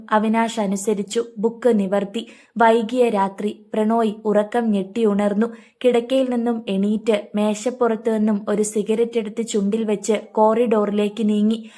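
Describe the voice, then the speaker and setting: A woman narrating an audiobook thriller in an even, measured reading style, voicing the dialogue lightly. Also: medium pitch. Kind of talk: scripted narration.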